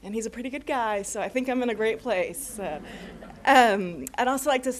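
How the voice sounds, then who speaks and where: A woman's voice: a little high, a little fast, slight background noise. A middle-aged American woman giving an informal, conversational thank-you speech as a new assistant principal, a little hesitant. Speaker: newly appointed assistant principal.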